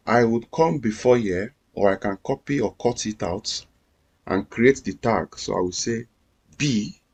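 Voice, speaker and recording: A man's voice: on the low side, a little mellow, husky. A man teaching a screen-recorded coding lesson, explaining each step patiently and repeating himself. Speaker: coding instructor.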